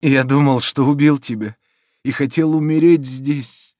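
A man's voice: medium pitch, measured pace, a little mellow, no room sound, studio quality, pitched above the performer's own voice, close to an everyday voice. A man reading an audiobook and voicing a grief-stricken young prince with a trembling voice. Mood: trembling, anguished.

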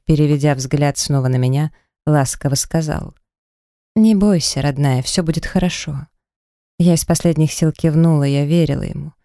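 A woman narrating a first-person audiobook novel with dramatic, emotional reading. Her voice is mellow and smooth, recorded close and dry. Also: deep voice, no room sound.

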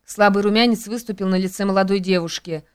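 A woman reads a classic novel aloud in a measured, even way. Her voice is smooth and clear, sitting at a middling pitch for a woman. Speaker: audiobook narrator. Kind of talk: scripted narration of a novel.

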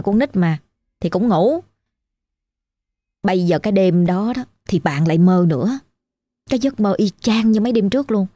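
A woman's voice: medium pitch, a little mellow, no echo. A woman narrating a ghost story in a colloquial, exclamatory way.

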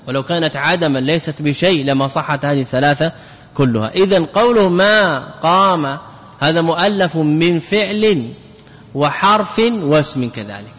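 A man's voice: on the high side, fairly bright tone. A man teaching a grammar class, repeating words to drill them and putting questions to his students. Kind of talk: classroom lecture. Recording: lecture hall with long reverb.

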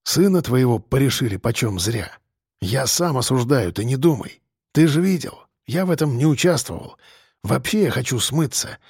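A man's voice: mid-range voice, lively intonation, normal speed, creaky, a little mellow, slightly rough, no room sound, studio quality, full character voice. A man doing a cocky slangy convict. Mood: wheedling. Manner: streetwise slang, wheedling, pushy questions. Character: cocky slangy male convict, scheming and restless.

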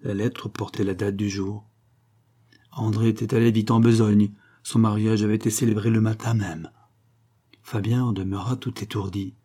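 A man reading a novel aloud as an audiobook in measured narration. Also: lowish voice, level tone, dark tone. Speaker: audiobook reader.

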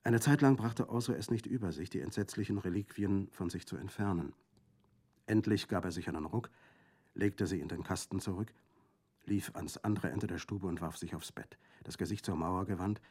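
A man narrating a classic novel in a measured, even storytelling manner. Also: low voice, slightly rough. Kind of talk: scripted audiobook narration.

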